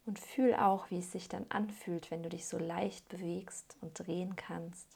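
A woman with a lowish, husky voice leads a guided meditation. She speaks very slowly and calmly, leaving pauses between gentle instructions. Her soft phrases often sink into breathy near-whispers with a creaky edge. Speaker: hypnosis guide. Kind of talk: soothing guided meditation for weight loss.

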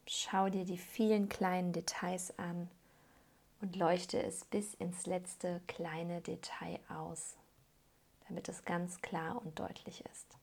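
A woman with a fairly low voice gently leads a soothing guided meditation as a hypnosis guide. She stays calm, and her soft, breathy tone often trails into a whisper.

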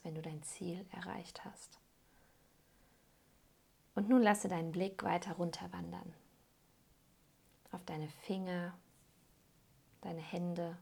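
This guided meditation for weight loss comes from a hypnosis guide with a low-leaning, husky voice. She speaks very slowly and calmly, pausing between her gentle instructions, and often drops into breathy near-whispers tinged with creak.

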